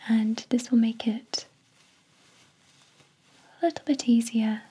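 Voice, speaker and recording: A woman whispering gently as a spa therapist, her voice airy and breathy all the way through. She speaks slowly and soothingly, a touch higher in pitch, with a mellow, soft edge to every word. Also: fairly even intonation. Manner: soft, soothing, slow and attentive. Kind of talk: whispered ASMR roleplay.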